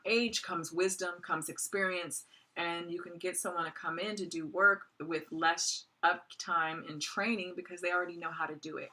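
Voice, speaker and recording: A woman's voice: fairly low pitch, sharp tone. A woman in her forties giving a recorded course lecture in a conversational way, with many "um" fillers. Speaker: college lecturer.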